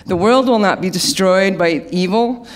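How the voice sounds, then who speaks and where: A woman giving emotional public testimony at a hearing, nervous and halting, close to tears, stumbling and restarting as she speaks. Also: medium pitch.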